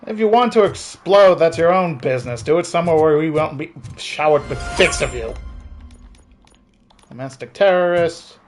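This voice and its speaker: Casting: male gameplay commentator, sarcastic and lively, music faint underneath. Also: a little high, normal speed. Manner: sarcastic, joking asides.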